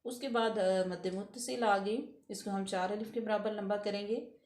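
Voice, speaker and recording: A woman teaching Quran recitation rules step by step, patiently explaining each letter and then reciting the words slowly. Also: medium pitch, steady tone, darkish tone, roomy sound. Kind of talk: step-by-step tajweed lesson.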